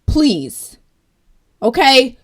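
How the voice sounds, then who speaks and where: A woman's voice: high voice, big pitch swings, very slow. A young woman vlogging, giving emotional, emphatic commentary to her viewers. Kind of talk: casual commentary vlog.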